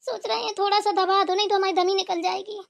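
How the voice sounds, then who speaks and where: Complaining old cartoon mother-in-law, very high shrill voice, pleading, in pain. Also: level tone, quick pace, vocal fry. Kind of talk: cartoon voice acting.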